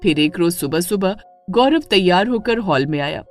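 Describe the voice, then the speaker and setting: A woman narrating an animated family story in a scripted, expressive way. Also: fairly low pitch, moderate pace, faint music behind.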